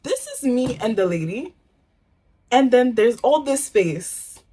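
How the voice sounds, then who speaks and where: A woman's voice: a little high, slow, a little hiss or hum. A young woman from New York chatting casually while getting ready, telling stories with lots of slang. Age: young adult. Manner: chatty, animated storytelling with slang. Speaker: vlogger.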